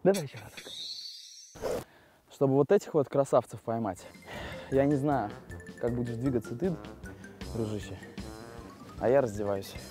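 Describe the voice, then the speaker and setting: A man's voice: medium pitch, normal speed, pauses often, music in the background. A man in his twenties hosting a travel show outdoors, talking in a casual, spontaneous and chatty way. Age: 20s. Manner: animated, chatty. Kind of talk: casual, spontaneous on-location presenting. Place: outdoors on location.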